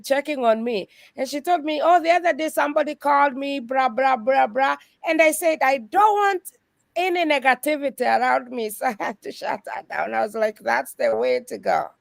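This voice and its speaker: A Kenyan woman with a high, creaky voice appears as a guest, earnestly telling her faith and business story like a testimony, with soft laughs. The conversation is faith-based, and the recording has no echo.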